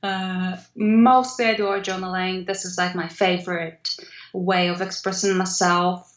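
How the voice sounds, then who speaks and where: A woman's voice: on the low side, steady tone, unhurried, roomy sound, muffled recording. A woman from Poland, a guest artist, talking thoughtfully in a casual interview and laughing easily.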